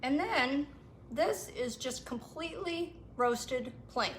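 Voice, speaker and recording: A woman guest explaining her recipes in a relaxed, casual chat, with lots of fillers. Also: sits high, slow. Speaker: guest cook. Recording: echoey room with some noise.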